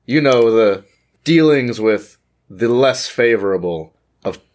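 A man's voice: mid-range voice, expressive, takes it slowly, a little mellow. A man voicing an earnest male orc adventurer who speaks in stilted, formal phrases.

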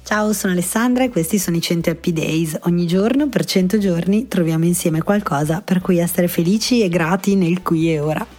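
Woman podcaster, lowish voice, reflective chat. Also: a little fast, hardly any pauses, mellow, soft background music. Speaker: podcast host. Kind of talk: spoken reflection.

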